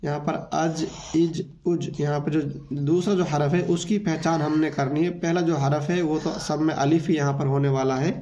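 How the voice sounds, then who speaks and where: Man slowly drilling Urdu syllables. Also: fairly high pitch, steady tone, dark tone, a little hiss or hum. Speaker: Urdu teacher. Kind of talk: beginner reading lesson.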